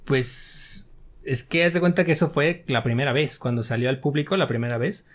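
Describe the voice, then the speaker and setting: A man's voice: mid-range voice, normal speed. A man with a Mexican Spanish accent, a game developer talking casually and laughing easily in an interview. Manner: relaxed, chatty, frequent fillers and laughs.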